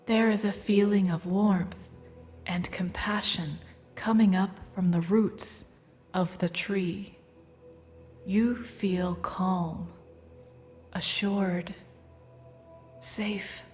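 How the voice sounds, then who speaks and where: Warm, serene, slow-speaking goddess played by a woman. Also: medium pitch, fairly even intonation. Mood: serene, nurturing. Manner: warm, serene, soothing goddess voice, breathy soft delivery. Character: serene, motherly Earth Mother goddess, warm and nurturing. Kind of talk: slow guided-meditation audio drama. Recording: music bed behind the voice.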